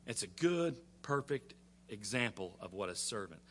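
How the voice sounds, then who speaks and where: A pastor preaching a sermon, stumbling over repeated words and climbing to fervent emphasis. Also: male voice, lowish voice, sing-song, moderate pace, fairly bright tone, a little hiss or hum.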